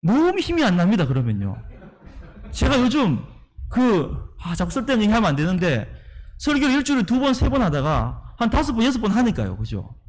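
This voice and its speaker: A male pastor preaches in a high, lively voice that swings widely in pitch. He drives his points home with rhetorical questions to the congregation. He sounds tired, worn from preaching often. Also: brisk. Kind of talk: sermon. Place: church sanctuary.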